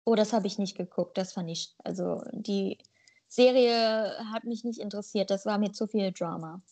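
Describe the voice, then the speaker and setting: Her voice is mid-range and slightly mellow, with a moderate pace. Born in Germany, this podcast co-host keeps the chat casual, speaking bluntly, playfully, and drawing her jokes out.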